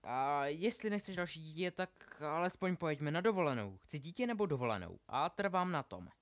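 A man's voice: medium pitch, a bit bright, close to an everyday voice. A man playing a bluffing, cheeky husband. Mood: blustering. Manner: cheeky, blustering, talks fast to stall. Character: boy disguised as his uncle, a bluffing husband.

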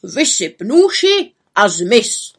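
A woman voicing a bossy, gruff male forester in a storybook reading, barking and scolding in a loud voice. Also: mid-range voice, animated.

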